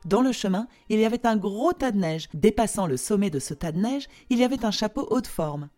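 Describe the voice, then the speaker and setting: Woman reading a fairy tale aloud. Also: mid-range voice. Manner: slow, expressive, repetitive fairy-tale telling. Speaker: storyteller. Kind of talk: scripted storybook narration.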